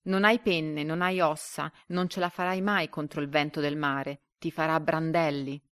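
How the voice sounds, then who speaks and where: Woman doing a bossy shouting lead duck. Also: deep voice, fairly even intonation, moderate pace, clear, resonant tone, no echo, studio quality. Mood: brusque scornful. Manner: brusque and shouting orders.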